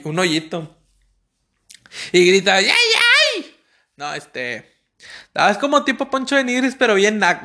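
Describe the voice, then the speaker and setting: Host: Mexican man, joking monologue, slangy and rambling, high bright voice. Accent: Mexican Spanish. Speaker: podcast host. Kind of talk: comic storytelling monologue.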